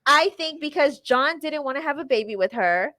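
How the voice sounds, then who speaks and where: A woman's voice: high-pitched, animated, moderate pace, bright, forceful tone. A woman talking in an unscripted, casual conversation as a guest, chatty and emphatic in the way she tells things. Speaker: podcast guest, ring announcer.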